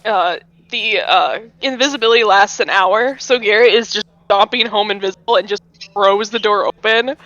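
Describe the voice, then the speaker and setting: Bright-voiced woman playing a tabletop game. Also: mid-range voice, normal speed, dry recording, muffled recording. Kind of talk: casual chat and in-game narration.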